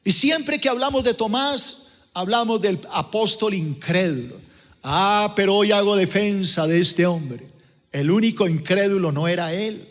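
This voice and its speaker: A man's voice: high voice, a little slow, a bit bright. A man, preaching a dramatic sermon as pastor and acting out scenes. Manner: dramatic, acts out scenes with voices. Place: large church auditorium. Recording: long church-hall reverb.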